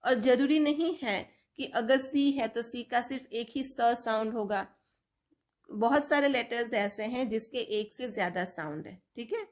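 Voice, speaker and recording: A woman teaching English phonics, drilling letter sounds and example words one at a time. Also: on the high side. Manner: slow, drawn-out word-by-word drilling of sounds. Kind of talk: phonics lesson for learners.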